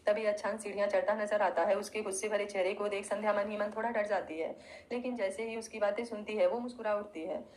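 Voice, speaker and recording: A woman narrating an audio love story in a smooth, expressive reading. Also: medium pitch, quick pace, slight background noise, poor audio.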